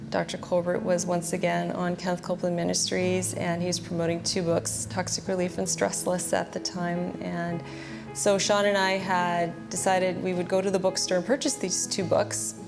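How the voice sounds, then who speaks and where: Over a music bed, a woman with a gravelly, mid-range voice tells her personal story. She speaks in an earnest, plain-spoken way as she recounts what happened.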